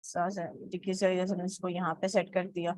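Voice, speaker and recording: A woman's voice: lowish voice, level tone, fast, darkish tone, no room sound. A woman teaching graphic design step by step, with a frequent "okay" between steps and English terms mixed into her speech. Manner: mixes English words into Hindi. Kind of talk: screen-recorded software tutorial.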